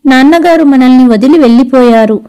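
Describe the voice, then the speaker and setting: A grieving middle-aged brother in a storybook reading, explaining through tears in an earnest, worn-down way, voiced by a woman without lowering her voice. The voice stays high and mellow. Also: brisk, clear, resonant tone, close to an everyday voice. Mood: tearful, weary.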